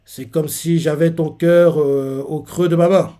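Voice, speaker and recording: A man voicing a cruel, gloating male alien invader from a manga, in slow taunting lines. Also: fairly high pitch, steady tone, warm tone, lightly acted.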